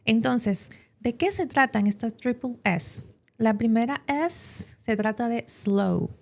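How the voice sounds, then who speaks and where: A woman's voice: a little high, takes it slowly, gravelly, darkish tone. A woman with a Dominican Spanish accent, an English teacher explaining in an educational podcast with plenty of examples and fillers.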